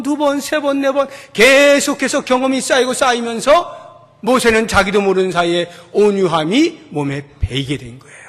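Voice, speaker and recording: A male pastor preaching a sermon, acting out quoted voices with dramatic swings between loud and hushed. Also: sits high. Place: church sanctuary. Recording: long church reverb.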